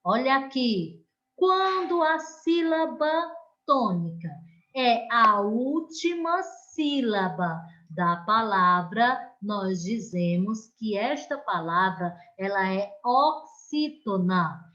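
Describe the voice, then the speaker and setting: Slow, coaxing Brazilian schoolteacher woman. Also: a little high, lively intonation, a bit bright, lo-fi sound. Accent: Brazilian Portuguese. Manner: slow, drawn-out stressed words, coaxing children. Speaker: primary school teacher. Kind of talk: online lesson for children.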